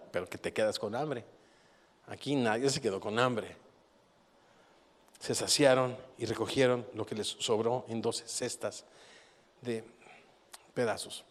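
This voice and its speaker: A man preaching a sermon with animated delivery, rising to forceful peaks and dropping to quiet, reflective passages. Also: mid-range voice. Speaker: pastor. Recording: long hall reverb.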